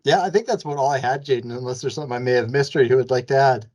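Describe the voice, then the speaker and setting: A woman interviewer asking loose, relaxed questions with fillers. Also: very deep voice, rapid-fire. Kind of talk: casual interview.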